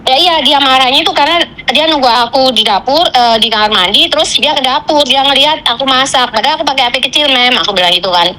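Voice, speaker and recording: A woman on a phone call, venting about her job in rushed, broken sentences. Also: high voice, sharp tone, a little hiss or hum. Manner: venting, tells a story in rushed fragments with Javanese fillers. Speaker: caller, migrant domestic worker. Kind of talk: casual chat.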